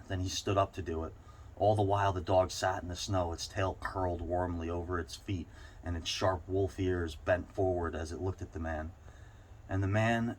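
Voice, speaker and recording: A man reading a short story aloud, now and then stumbling over a word and going back over it. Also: sits low. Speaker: reader. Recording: clear background noise.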